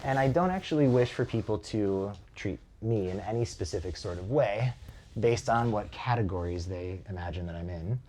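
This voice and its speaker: Deep-voiced man speaking into a close mic. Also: expressive, moderate pace, a little mellow, a little hiss or hum. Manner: thoughtful, reflective, with frequent "like" and "um". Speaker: relating practice facilitator. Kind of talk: casual conversation.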